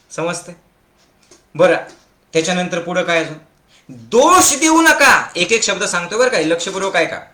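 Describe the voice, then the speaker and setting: Man, spiritual teacher, emphatic, very animated pitch, slogan-like repetition, echoey room. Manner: emphatic, keeps asking listeners if they follow; repeats short slogan-like phrases. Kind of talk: spiritual discourse.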